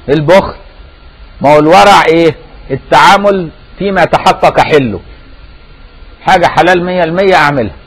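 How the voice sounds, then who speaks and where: Fast-talking husky Egyptian teacher. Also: male voice, fairly high pitch, poor audio. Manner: conversational, keeps checking understanding with rhetorical questions. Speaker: Sufi scholar teaching a lesson. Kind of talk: religious lesson in colloquial Egyptian Arabic.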